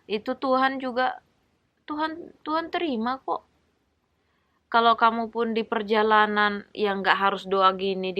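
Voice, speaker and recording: A woman's voice: mid-range voice, dry recording, dull audio. A woman talking casually about faith and prayer, encouraging her listeners and acting out short prayers in a conversational way. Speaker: Bible study vlogger. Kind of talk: casual devotional talk.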